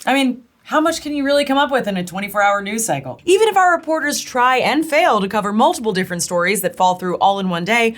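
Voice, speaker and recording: Woman playing a snide, lively parody news anchor. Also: a little high, quick pace, few pauses, natural voice. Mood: deadpan. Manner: dry, snide, foul-mouthed. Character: cynical, snide female local TV news co-anchor.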